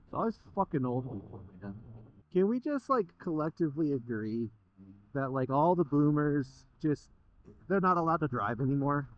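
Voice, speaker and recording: A man's voice: fairly high pitch, sing-song, normal speed, dry recording. A young American man motovlogging from inside a motorcycle helmet, chatting casually and bluntly in informal, sweary language. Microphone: microphone inside the helmet. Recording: muffled, dull helmet mic.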